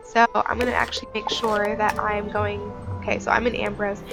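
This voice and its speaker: A woman's voice: mid-range voice, little pitch movement, fairly quick, vocal fry, music in the background. A woman hosting a casual game walkthrough on a headset mic, chatty and informal, thinking aloud as she goes. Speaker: gaming video host.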